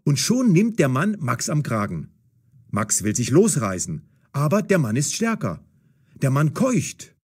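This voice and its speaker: Telling a story for language learners, a man uses short sentences with a lively, dramatic melody. His mid-pitched voice is slightly breathy and husky, and he speaks a little slowly.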